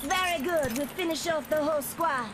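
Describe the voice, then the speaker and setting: A woman's voice: high voice, moderate pace, very noisy, close to an everyday voice. A woman voicing a female video game character who gives clipped combat callouts. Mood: brisk.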